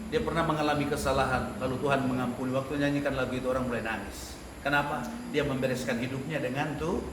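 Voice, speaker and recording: A man teaching a church class on leading worship, lively, with rhetorical questions and frequent laughter. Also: mid-range voice, quick pace. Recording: echoey room, mic far off, noisy.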